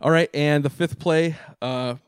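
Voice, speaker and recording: A man's voice: fairly high pitch, fairly even intonation, unhurried, smooth, no room sound, studio quality. A man co-hosting a sports podcast, talking in a casual, rambling way with frequent restarts. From Minnesota. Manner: rambling, restarts often, laughs easily. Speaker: podcast co-host.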